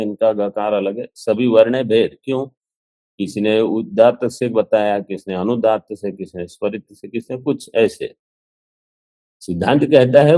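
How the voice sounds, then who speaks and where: Man, teacher, scripture lesson, very slow, dry close sound, asks questions as he explains. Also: mid-range voice, dark tone, no room sound. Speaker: Vedanta teacher.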